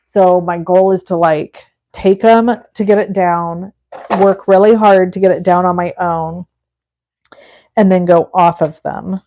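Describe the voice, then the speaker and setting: A woman's voice: lowish voice, fairly even intonation, measured pace, mellow, a little hiss or hum. A woman in her forties hosting a live crafting stream, chatting casually with viewers and thinking aloud as she works. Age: 40s. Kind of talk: casual chat while crafting.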